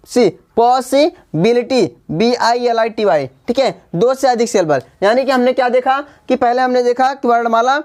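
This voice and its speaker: Slightly high-voiced Hindi-accented woman teaching. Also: a little mellow. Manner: repetitive, spells words letter by letter, frequent "ठीक है" check-ins. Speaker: English grammar teacher. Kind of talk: classroom-style grammar lesson.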